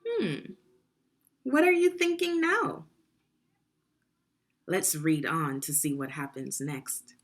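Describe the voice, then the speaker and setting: This low-pitched female teacher reads aloud to young listeners. Her reading is instructional, expressive, and unhurried, with pauses for guiding questions.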